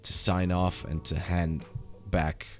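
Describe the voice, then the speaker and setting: Low-voiced young man with a sore throat. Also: flat delivery, takes it slowly, soft background music. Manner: rambling, many fillers and restarts. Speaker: vlogger. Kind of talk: casual daily vlog update.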